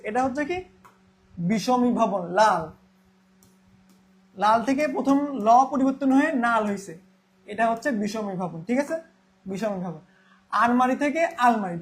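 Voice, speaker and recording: A young man teaching a Bangla grammar class, repeating key terms and asking then answering his own questions. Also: very high voice.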